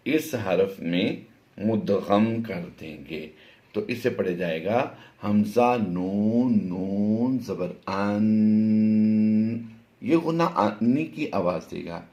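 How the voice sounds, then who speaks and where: A middle-aged man with a fairly low voice leads a tajweed lesson. He spells the letters out one at a time and then stretches the words into a slow, chanted recitation. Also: a little mellow. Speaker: Quran recitation teacher.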